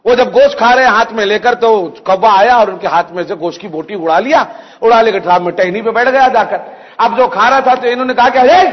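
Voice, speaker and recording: A man preaching a sermon, animated and telling humorous anecdotes with emphatic peaks. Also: high voice. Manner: animated, acts out characters and rises to emphatic peaks. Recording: echoey hall, dull sound.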